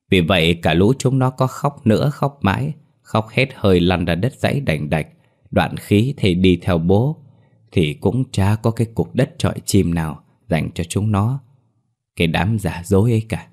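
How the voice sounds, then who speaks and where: Guy reading a ghost story, really low voice, steady and wry. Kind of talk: scripted ghost story narration.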